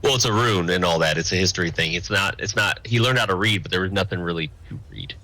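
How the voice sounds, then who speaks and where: A man running a tabletop game as game master, halting with frequent ums before reading out descriptions. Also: deep voice, pushed and bright. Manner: halting, lots of ums when improvising.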